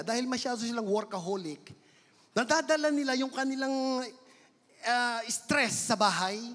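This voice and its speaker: A man's voice: very high voice, fairly bright tone. A man with a Filipino accent preaching a sermon in a church, switching between Tagalog and English and stretching out words for emphasis. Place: church hall. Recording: long church hall reverb.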